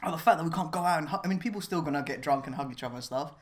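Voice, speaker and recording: A man's voice: fairly high pitch, very fast. A man chatting casually on a podcast while eating hot wings, swearing freely, laughing often and restarting his sentences. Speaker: podcast host answering questions.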